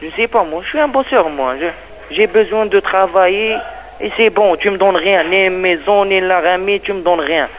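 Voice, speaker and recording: A man's voice: sits high, normal speed, fairly bright tone, poor audio. A man who learned French as a second language gives a rambling, repetitive, agitated personal testimony about being undocumented. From Palestine. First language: not French. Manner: rambling, repetitive, agitated, non-native phrasing. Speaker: undocumented migrant giving testimony.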